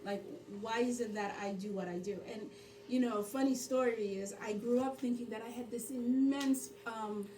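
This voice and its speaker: At normal speed and with a fairly high voice, a middle-aged Haitian-born woman who organizes in her community tells her story during an interview. She tells it as a narrative and gets animated when repeating her own words. The recording sounds roomy, with a distant mic and background noise.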